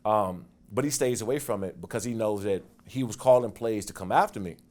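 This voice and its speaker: A man in his forties telling stories from his football career in a casual interview, animated and getting loud and quick when excited. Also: fairly low pitch. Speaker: guest, former football player.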